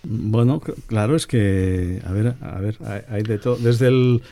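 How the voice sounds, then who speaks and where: A man's voice: lowish voice, a little slow, warm tone. A middle-aged man, a painter and guest on a radio panel, talking hesitantly with many restarts.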